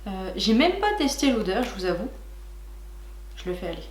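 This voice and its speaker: A young woman chatting warmly to her viewers while unboxing makeup, gushing and filling pauses with little hesitations. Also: mid-range voice, sing-song, echoey room, slight background noise. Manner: chatty and gushing, many fillers, talks to viewers as "licornes". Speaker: beauty vlogger. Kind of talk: casual makeup haul chat.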